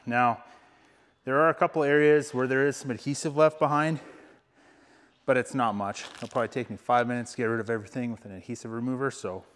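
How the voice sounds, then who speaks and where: A man's voice: medium pitch, steady tone, fast talker, fairly bright tone, in a large hall. A man explaining casually as he works through a hands-on how-to video, a little out of breath. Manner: casual, talks while working. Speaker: car film installer demonstrating.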